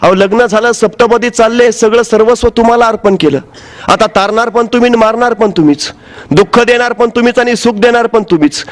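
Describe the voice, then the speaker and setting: A man's voice: extremely high pitch, pitched below the performer's own voice. A man voicing a young newlywed wife who pleads earnestly, within a spoken story.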